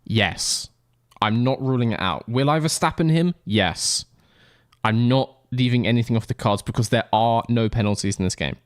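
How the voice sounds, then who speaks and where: A man streams a racing game, offering playful live commentary and joking with his chat. His voice is mid-range and his pace moderate. The recording is dry and studio quality.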